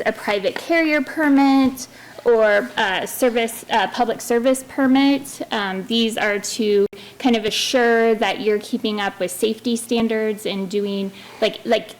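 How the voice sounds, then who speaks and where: A woman's voice: mid-range voice, poor audio. A woman giving a semi-formal public comment, hesitant, with frequent ums breaking up her phrases. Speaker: public commenter at a city council meeting.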